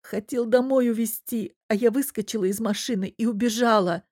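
A woman voicing a tearful, upset young woman who pleads and sobs in a high-strung voice. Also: brisk, a little mellow, no echo, clean studio sound, lightly acted. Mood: distraught.

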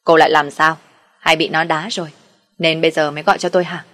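A woman's voice: sits low, brisk, fairly bright tone. A woman voicing a fed-up young man who talks in a sulky, curt way. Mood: angry.

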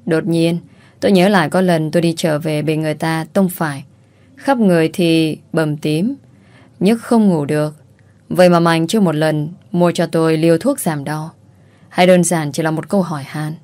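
A woman narrating a first-person story in an expressive, exasperated way. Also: low voice, no echo.

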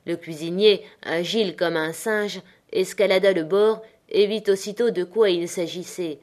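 A woman reading a novel aloud with an even storytelling delivery. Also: lowish voice, normal speed. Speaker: audiobook narrator. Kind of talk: scripted narration.

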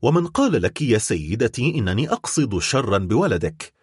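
A man's voice: mid-range voice, big pitch swings, fairly quick, breathy edge, no echo, studio quality. A man reading a harsh, vengeful nobleman. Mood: cold bitter. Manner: harsh, biting sarcasm. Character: cold vengeful middle-aged nobleman, bitterly sarcastic. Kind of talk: dramatic audiobook reading.

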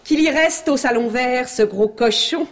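A woman's voice: sits high, a little slow. An actress playing a brash, slangy courtesan who mocks everyone around her, in a 1980s radio drama. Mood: scornful. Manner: slangy, cackling, mocking. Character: brash mocking woman, a kept courtesan queen of Paris.

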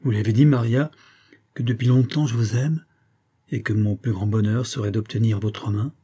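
A man's voice: mid-range voice, animated, moderate pace, dark tone, slightly rough. Brief: ardent young male officer in a storybook, read by a man, impassioned and pressing. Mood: urgent. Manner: urgent, impassioned.

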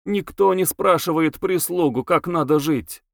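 A man reading aloud and voicing a stubborn, naive young man who speaks slowly and earnestly. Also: fairly high pitch, creaky, no room sound, clean studio sound, pitched above the performer's own voice. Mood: matter-of-fact.

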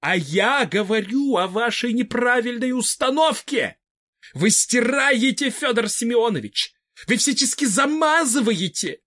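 A man voicing a pompous middle-aged scientist who preaches in slow, slogan-filled phrases. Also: very high voice, lively intonation, bright, forceful tone, heavily acted. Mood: lecturing. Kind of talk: audiobook character reading.

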